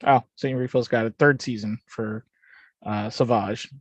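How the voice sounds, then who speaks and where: A man's voice: medium pitch, steady tone, measured pace, no room sound. Chatty man explaining lore. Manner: explains lore with frequent fillers and restarts. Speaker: podcast co-host. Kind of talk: casual watch-along chat.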